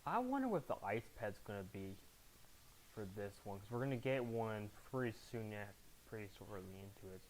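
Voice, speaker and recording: A man's voice: on the low side, very animated, a little fast, slight background noise, low-quality recording. A man giving casual commentary as he hosts his own video game challenge run. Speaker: gamer, challenge-run host.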